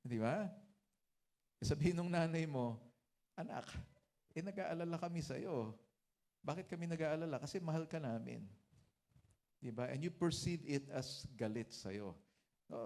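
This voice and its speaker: A man's voice: mid-range voice, a little mellow. A man with a Filipino accent preaching a conversational sermon, mixing English and Tagalog and often adding tag questions.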